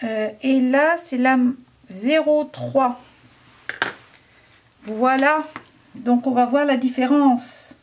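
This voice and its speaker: A French woman with a high voice talks slowly through a casual craft product review. She is chatty and a little hesitant, thinking aloud and filling pauses as she goes. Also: steady tone, a little mellow, a little hiss or hum.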